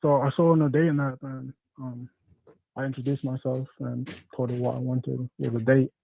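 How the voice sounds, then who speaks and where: A man's voice: mid-range voice, flat delivery, vocal fry. Give me a male caller over a tinny phone line. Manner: hesitant, with pauses and fillers. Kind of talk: casual call-in question.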